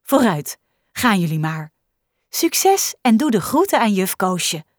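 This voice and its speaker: A woman voicing a patient female kindergarten teacher in a storybook reading, speaking gently and coaxingly. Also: medium pitch, big pitch swings, slow pace, no echo, studio quality.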